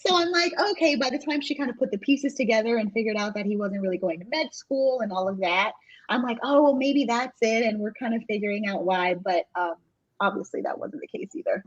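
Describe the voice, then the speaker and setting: A woman's voice: mid-range voice, fairly quick. A woman hosting a book club livestream, chatting casually and laughing often. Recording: dull lo-fi audio.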